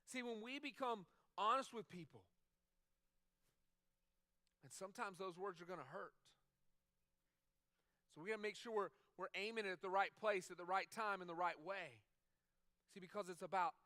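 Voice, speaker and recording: A man's voice: high-pitched, normal speed, pauses often, sharp tone, dry recording, clean studio sound. A man preaching a sermon as a pastor, talking conversationally and repeating phrases for emphasis. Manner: acts out quoted dialogue in other voices.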